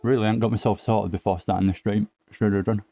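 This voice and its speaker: A man's voice: lowish voice, fairly even intonation, quick pace, creaky, lo-fi sound. A man casually commenting on his own sim racing laps on a live stream, chatty and self-deprecating, a little out of breath. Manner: chatty, self-deprecating, explains driving technique.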